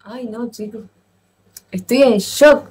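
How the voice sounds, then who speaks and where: A woman with an Argentine accent chatting casually with viewers on a live stream, playful and quick to exclaim and laugh. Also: on the high side, a little mellow, a little hiss or hum. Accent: Argentine Spanish. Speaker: livestreamer.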